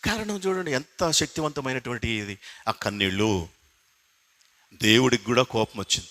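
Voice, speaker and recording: A man preaching a sermon with passion, swinging between loud emphatic cries and hushed low lines. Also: moderate pace. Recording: long hall reverb.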